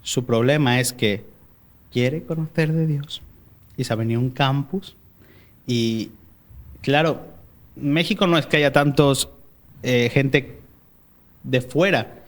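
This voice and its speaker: A young man, born in Mexico and raised in Spain, tells his faith story as a podcast guest, chatting casually with plenty of hesitations and restarts. His Málaga Spanish accent carries Mexican traces. His medium-pitched voice moves slowly, with long pauses.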